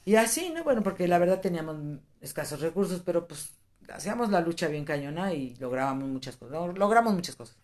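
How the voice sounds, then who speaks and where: A woman's voice: lowish voice, fast talker. Older Mexican woman telling stories. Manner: lively storyteller who laughs often and acts out quoted dialogue. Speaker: guest, the host's mother. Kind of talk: casual chat, telling family anecdotes.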